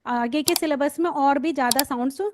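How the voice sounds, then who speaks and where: A woman's voice: high voice, very noisy. A woman teaching phonics to parents and teachers, stretching out letter sounds and repeating them for her listeners to copy. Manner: slow, drawn-out letter sounds with repetition. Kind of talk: explanatory lesson for parents and teachers.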